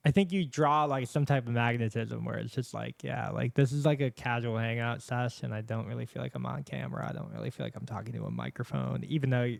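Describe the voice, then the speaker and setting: A man's voice: medium pitch, animated, fast talker, creaky, few pauses, no room sound. A man with a lisp hosting a casual podcast chat, earnest and rambling, with lots of fillers. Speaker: podcast host. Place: podcast set with camera and microphones. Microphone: studio microphone.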